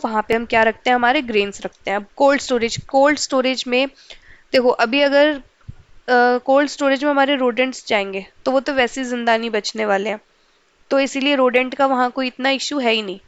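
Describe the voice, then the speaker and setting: A woman with a higher, smooth and clear voice explains a school science lesson. She keeps asking questions and answering them herself. She mixes English terms into her talk, and the recording is dry and a little dull. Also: fairly even intonation, a little fast, no room sound. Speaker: teacher.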